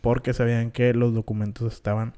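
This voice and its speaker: A man with a Mexican accent and a smooth, clear voice at a medium pitch co-hosts a podcast. He tells stories casually and slangily, stretching them out with halting pauses. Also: little pitch movement, mellow. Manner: halting, slangy, drawn-out storytelling. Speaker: podcast co-host. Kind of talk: casual conspiracy storytelling.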